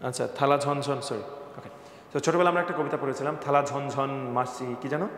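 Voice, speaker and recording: A man's voice: fairly high pitch, quick pace, fairly bright tone. A male teacher giving a classroom lesson on English pronunciation, playful and jokey, quizzing his students by name. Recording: echoey room with long reverb, faint background noise.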